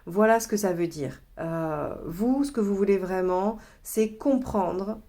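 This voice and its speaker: French-speaking woman giving a relaxed tarot reading. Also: mid-range voice, unhurried. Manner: thinking aloud, many fillers, reassuring asides. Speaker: tarot reader. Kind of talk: casual tarot reading monologue.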